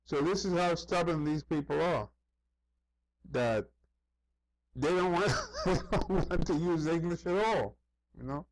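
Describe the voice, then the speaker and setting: A vlogger with a fairly high-pitched voice rambles casually through anecdotes, taking his time and leaving long pauses. He repeats himself, says "you know" a lot, and acts out what other people said. The recording is rough.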